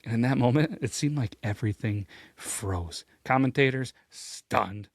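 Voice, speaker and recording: A man hosting a sports ranking show, telling the story with jokey asides and rising excitement. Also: a little slow, breathy edge, no room sound. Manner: animated, jokey, pitch swings when excited. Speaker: host. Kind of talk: energetic sports commentary.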